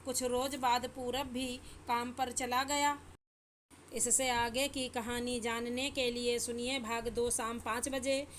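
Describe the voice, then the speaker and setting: Woman reading a family story, steady measured voice, sits a bit high, flat tune. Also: slight background noise. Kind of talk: storybook narration.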